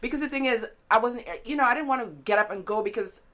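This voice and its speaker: A woman guest author telling her story in a casual interview, earnest and animated, with many fillers like "like" and "you know". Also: fairly high pitch, quick pace. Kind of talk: conversational interview testimony.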